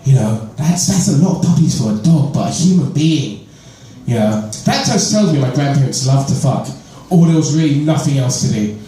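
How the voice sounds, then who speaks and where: A London-born stand-up comedian with a London accent and a mellow, medium-pitched, expressive voice performs a conversational set at normal speed, often laughing at his own jokes. He's far from the mic on a comedy club stage, with roomy echo and faint club ambience.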